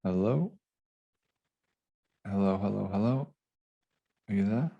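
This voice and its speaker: Male event host on a video call, very low voice, casual and loose. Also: slow, gravelly, dull audio. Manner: loose, filler-heavy talk. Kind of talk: casual live-stream hosting.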